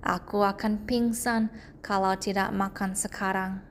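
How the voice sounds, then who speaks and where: Woman putting on a big bossy storybook lion, loud and gloating, slow. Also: mid-range voice, little pitch movement, slight background noise, close to an everyday voice. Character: hungry boastful big male lion.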